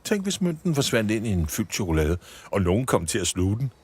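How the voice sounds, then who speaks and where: A man's voice: lowish voice, very animated, darkish tone, slightly rough, pitched above the performer's own voice. A man voicing an earnest, anxious young boy in a raised, urgent, fretful voice for a storybook reading. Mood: hushed.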